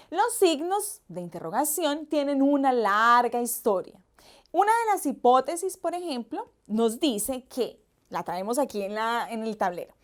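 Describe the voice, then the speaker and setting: High-voiced woman teaching Spanish. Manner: clear, instructive, addresses viewers directly. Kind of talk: explaining language lesson to learners.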